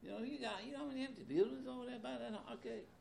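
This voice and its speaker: A man in his seventies in a casual conversation as an interviewee, animated and repetitive, with loose colloquial speech. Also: extremely high pitch, racing, vocal fry, a little hiss or hum. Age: 70s. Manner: animated, repeats words, loose colloquial grammar.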